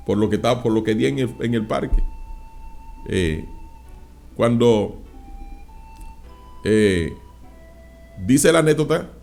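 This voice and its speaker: A male pastor preaching a sermon, dropping frequent interjections of praise and acting out anecdotes with loud exclamations. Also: medium pitch, creaky.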